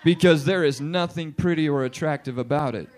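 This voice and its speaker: Guy doing raunchy stand-up at a bar mic, high voice, acts stuff out. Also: brisk. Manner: crude, animated, acts out characters. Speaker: stand-up comedian. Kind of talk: stand-up routine. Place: bar and grill.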